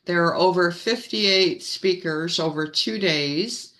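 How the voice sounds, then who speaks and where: A woman's voice: fairly low pitch, a bit bright. A woman co-hosting a casual live-stream chat, stretching her words like a show announcer. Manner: slow, drawn-out announcer-style delivery. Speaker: co-host.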